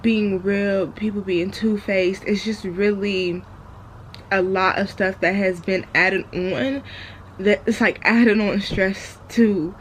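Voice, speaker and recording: A woman with a medium-pitched voice talks in a raw, confessional vlog style. She is hesitant and subdued, with halting phrases, over faint background noise. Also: low-quality recording. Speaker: vlogger.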